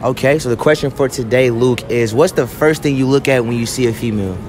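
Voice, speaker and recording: A man's voice: medium pitch, fast, background noise. A young man hosting street interviews in a shopping mall, talking casually in slang into a phone. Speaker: host. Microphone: phone held to mouth.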